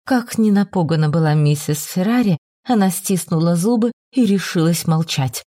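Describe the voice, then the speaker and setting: Mellow-voiced woman narrating a novel. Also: on the low side, dry recording, studio quality. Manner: measured, expressive reading. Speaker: audiobook narrator.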